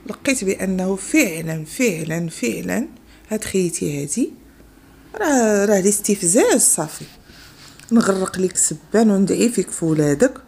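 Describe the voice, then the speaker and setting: A woman's voice: medium pitch, a little mellow. A woman with a Moroccan accent delivering a heated opinion monologue as an online commentator, indignant and repeating phrases for emphasis.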